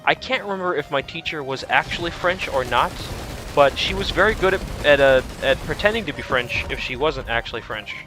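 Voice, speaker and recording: A man's voice: a little high, expressive, a little fast, over music. A young man streaming a video game, chatting in a rambling, easygoing way with lots of restarts. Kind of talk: casual chat while streaming a game.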